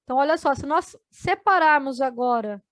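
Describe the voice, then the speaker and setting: A woman's voice: sits high, no echo. A Brazilian woman teaching an adult education video lesson, spelling out words syllable by syllable for her students. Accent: Brazilian Portuguese. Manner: slow, syllable-by-syllable explaining to students.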